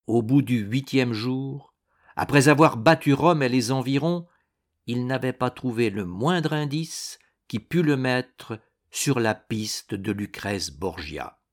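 A man reading a historical adventure novel aloud in a measured, dramatic way. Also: medium pitch, lively intonation. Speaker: audiobook narrator.

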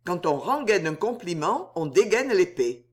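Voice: mid-range voice, big pitch swings, measured pace. A reader voicing a proud, gallant young male knight in a swashbuckling audiobook, answering with cool hauteur. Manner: proud and mocking in reply.

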